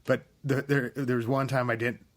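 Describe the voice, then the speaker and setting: A man with a medium-pitched, level voice co-hosts a casual gaming podcast, speaking at a moderate pace. He rambles as he chats, often restarting his sentences.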